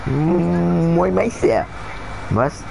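A man's voice: sits high, lively intonation, extremely slow, vocal fry. Young guy gaming, blunt slangy chat, noisy headset stream sound. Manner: blunt, exclamatory street slang. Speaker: gamer live-streaming.

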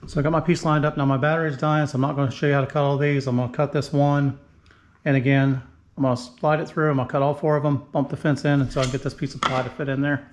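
A man's voice: mid-range voice, little pitch movement, fast. A middle-aged man explaining a woodworking project step by step as he works, in a casual, plain-spoken way, recorded on a camera mic in his home shop. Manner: plain-spoken, step-by-step, talks through each move as he works. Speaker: woodworking channel host. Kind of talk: casual how-to narration while working. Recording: echoey garage shop with faint noise.

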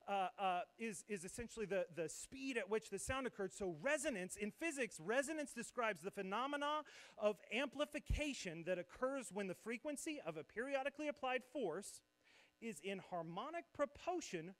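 A young man leads a church service as worship pastor, his voice sitting fairly high for a man. He speaks into a stage microphone in a loose, conversational way. He pokes fun at himself as he explains things. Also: fairly bright tone. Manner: conversational, self-deprecating, explains with asides. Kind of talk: sermon. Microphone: handheld or stage microphone.

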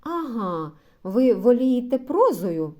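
A woman reading aloud as a pedantic philosophy teacher who lectures slowly and explains every detail. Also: on the high side, big pitch swings, lo-fi sound, pitched above the performer's own voice. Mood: coaxing. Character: pedantic middle-aged male philosophy teacher.

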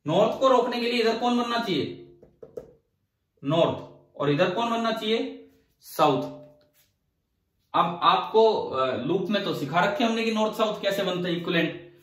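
High-voiced male teacher in an echoey room. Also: expressive, normal speed, long pauses, fairly bright tone, distant mic. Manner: asks the class questions and answers them himself; repeats key phrases to drive points home. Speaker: physics teacher. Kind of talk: classroom physics lecture.

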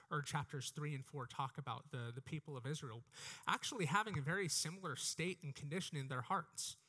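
Speaking a little high with a fairly bright tone, a man in his thirties exhorts his congregation earnestly from an indoor church stage. He has an American accent, uses a headset mic, and repeats phrases often.

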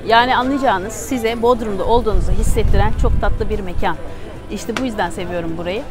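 A woman's voice: mid-range voice, fairly quick, music in the background, crowd noise. A woman in her thirties, a food vlogger, chatting upbeat to a phone held at arm's length at an outdoor seaside restaurant. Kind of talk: casual restaurant vlog.

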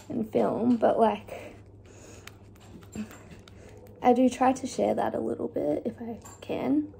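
Young woman, gravelly chatty vlog voice. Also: a little high, mellow, slight background noise. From Australia. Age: young adult. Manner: chatty, talks while cooking with fillers. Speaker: vlogger. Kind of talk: casual cook-along chat. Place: home kitchen, indoors. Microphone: phone camera on the counter.

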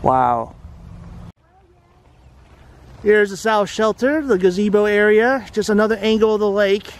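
A man's voice: sits high, measured pace. A man hosting a casual travel vlog, narrating a walk around a lakeside forest preserve with chatty, tour-guide commentary. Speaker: vlog host.

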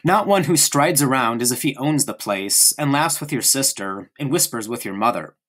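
This audiobook character reading has the narrator playing a chatty, headstrong little boy who presses his point with eager insistence. The mid-range voice is expressive and a bit bright, moving at a normal speed.

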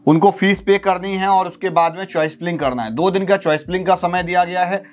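Energetic man explaining, slightly high voice. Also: a little fast, faint music behind. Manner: explains step by step, often asks "है ना?". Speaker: counselling guide. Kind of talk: explanatory lesson. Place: studio with blackboard.

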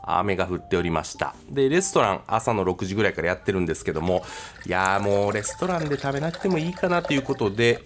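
A man with a Kansai accent narrating his travel vlog in a jokey way, mixing formal phrasing with dialect. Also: lowish voice. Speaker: travel vlogger.

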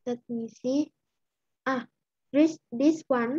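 Lao woman, English tutor, high, unhurried, dull call audio. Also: warm tone, husky, no room sound. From Laos. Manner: patient, corrects pronunciation slowly. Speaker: English teacher. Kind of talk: online tutoring. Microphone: video call. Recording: muffled video-call audio.

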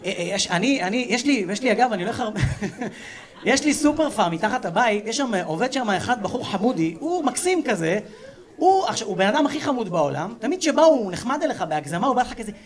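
A man performing stand-up comedy to a live audience, telling stories in a lively way. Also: sits high. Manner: lively, animated storytelling.

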